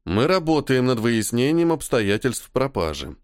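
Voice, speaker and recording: A man's voice: medium pitch, very animated, unhurried, smooth, dry recording, studio quality. A man voicing a stubborn, caustic army major. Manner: gloomy, stubborn, sarcastic. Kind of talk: audiobook character voice.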